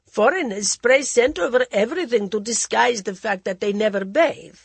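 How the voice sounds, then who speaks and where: A woman's voice: a little high, moderate pace, gravelly, breathy edge, no room sound, voice pushed up. Woman putting on a grand, drawling society lady. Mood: arch, languid. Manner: theatrical, languid drawl, calls everyone darling. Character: worldly, imperious older Indian society lady.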